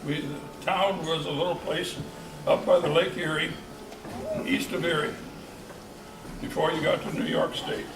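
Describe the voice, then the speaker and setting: A man's voice: a little high, fairly even intonation. Older man reminiscing in an echoey hall. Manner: unhurried, folksy storytelling with restarts. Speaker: charter church member. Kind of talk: reminiscing speech at a church event. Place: church hall. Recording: echoey hall, distant mic, noisy.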